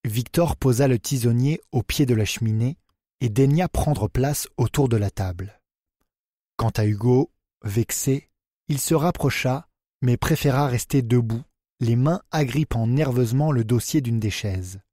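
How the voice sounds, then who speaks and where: A man narrating a thriller audiobook in an even, measured reading. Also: mid-range voice, no echo, clean studio sound. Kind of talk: scripted narration.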